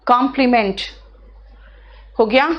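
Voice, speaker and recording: A woman with an Indian accent teaching English in Hindi in a live online class, patient with students, reading example sentences slowly. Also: on the high side, muffled recording.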